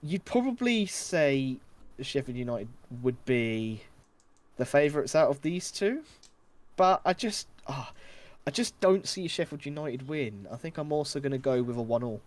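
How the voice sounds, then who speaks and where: A man's voice: medium pitch, darkish tone. Man talking football predictions. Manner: measured, hesitant with fillers. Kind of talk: casual football chat.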